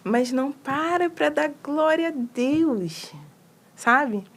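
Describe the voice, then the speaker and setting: A woman talking casually about faith, animated and slangy, acting out little quoted prayers. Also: sits high, slow pace. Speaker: guest on a faith livestream.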